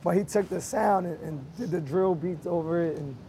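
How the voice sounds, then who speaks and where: A man who works as a radio DJ, a guest in casual podcast chat, relaxed and explaining things at length. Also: on the high side, normal speed.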